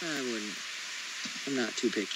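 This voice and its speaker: A man's voice: mid-range voice, moderate pace. A man co-hosting a casual show, teasing his partner and chatting easily about a film trailer. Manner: easygoing, teasing, soft-spoken asides. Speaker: podcast co-host. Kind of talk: casual chat over a trailer. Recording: noisy home recording with hiss.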